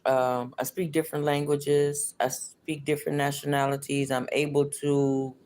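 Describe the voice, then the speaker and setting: A woman's voice: sits low, level tone, moderate pace, darkish tone. Toothless woman, chatty tarot reader, noisy stream. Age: middle-aged or older. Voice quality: toothless, slightly slushy articulation from missing teeth. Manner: repeats phrases over and over. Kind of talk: casual livestream tarot reading, chatty.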